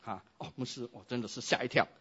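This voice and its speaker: A man preaching a sermon, telling a story and acting out its dialogue with lively shifts. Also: mid-range voice, fast, slightly rough, dull audio. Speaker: pastor.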